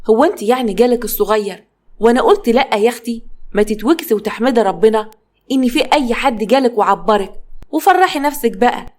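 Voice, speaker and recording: A woman's voice: fairly high pitch, fast talker, a little mellow, lightly acted. A woman putting on a sneering older Egyptian mother. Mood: scornful. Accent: Egyptian Arabic. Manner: sneering, belittling. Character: scornful mocking older mother.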